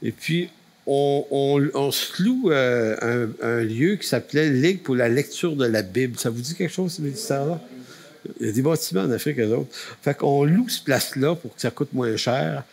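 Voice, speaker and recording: Folksy preacher with a Quebec accent. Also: male voice, medium pitch, lively intonation, normal speed, darkish tone. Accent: Quebec French. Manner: folksy, with frequent restarts. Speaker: camp speaker. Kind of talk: storytelling testimony.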